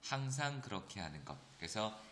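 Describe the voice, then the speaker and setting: Low, bright-toned man teaching grammar. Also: sing-song, reverberant, slight background noise. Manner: explains step by step, often checks in with students; slows down to read English examples aloud. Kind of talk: recorded classroom lecture.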